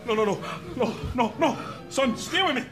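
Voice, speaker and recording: An actor with a Scottish accent playing a company boss wailing in an overacted death scene, in sketch comedy. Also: male voice, extremely high pitch, animated, moderate pace, music in the background. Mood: overwrought grief. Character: jovial, pushy male company boss who loves telling jokes.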